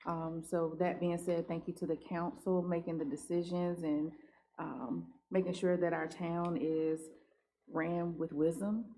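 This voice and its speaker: A woman's voice: lowish voice, little pitch movement, a little slow. A councilwoman and mental health clinician giving thankful remarks at a town council meeting, with frequent ums and you-knows. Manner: warm, thankful, filler-heavy.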